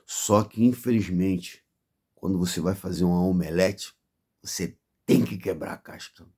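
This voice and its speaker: A Brazilian man preaches in a low, dark and husky voice. He speaks slowly and warns his listeners with fervour, stacking phrase on phrase. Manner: fervent, warning, piles up repeated phrases. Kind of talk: sermon.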